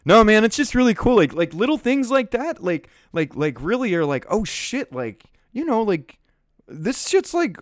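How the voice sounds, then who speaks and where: Man, podcast guest, animated, swears a lot, mid-pitched voice, dry close mic. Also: moderate pace, no echo. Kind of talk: casual podcast chat.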